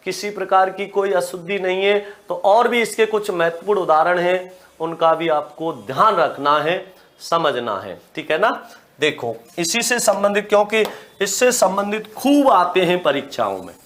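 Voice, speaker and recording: A man's voice: sits high, fairly bright tone. A man teaching a grammar lesson, who keeps repeating the key words and asks questions that he then answers himself, speaking straight to his students. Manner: directly addresses students as brothers and sisters.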